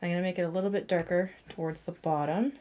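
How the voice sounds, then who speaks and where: A woman's voice: lowish voice, fairly even intonation, fast talker, dark tone. A young woman, a watercolour artist, chatting casually and laughing at herself as she paints. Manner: chatty, self-mocking, thinking aloud with laughs.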